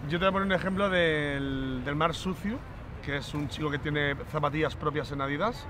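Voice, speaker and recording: A middle-aged man, telling stories in a relaxed, slangy way in an outdoor plaza. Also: fairly high pitch, moderate pace. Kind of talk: casual street chat. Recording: outdoor street noise.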